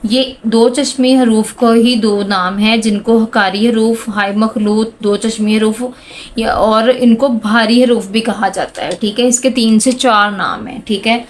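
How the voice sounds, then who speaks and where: A woman teaching a handwriting lesson to children, speaking slowly and patiently and calling out each letter sound as she writes. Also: on the high side, steady tone, a little hiss or hum. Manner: slow, patient, addresses students as "beta"; calls out letter sounds one by one while writing.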